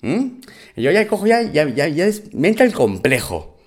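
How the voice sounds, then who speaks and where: A man with a Spain Spanish accent telling a personal story in casual, animated, profane talk. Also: fairly high pitch, normal speed.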